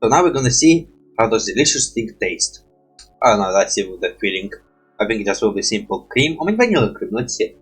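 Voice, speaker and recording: A man's voice: fairly low pitch, sing-song, fairly quick, breathy edge, soft background music. A man on a headset mic rambling casually in broken English, peppering his talk with "bloody". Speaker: reaction streamer.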